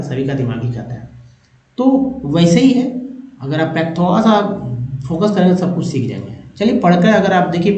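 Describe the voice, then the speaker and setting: A man teaching English reading in Hindi, spelling words letter by letter and sounding them out slowly, step by step. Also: a little high, darkish tone, echoey room, poor audio.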